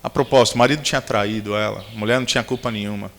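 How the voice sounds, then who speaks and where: A man's voice: fairly low pitch, steady tone, very fast, creaky, fairly bright tone. A man, a pastor preaching at a youth camp, telling personal stories with humor and acting out the dialogue. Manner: storytelling, acts out dialogue, humorous asides. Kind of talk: sermon with personal anecdotes. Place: large camp meeting hall. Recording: long hall reverb.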